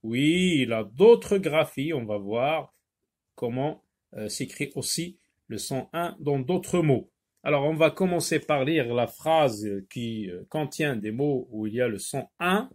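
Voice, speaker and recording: A man teaching a French phonics lesson, repeating words slowly and spelling out letters. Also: mid-range voice, animated, a little mellow. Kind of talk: slow, drawn-out phonics lesson.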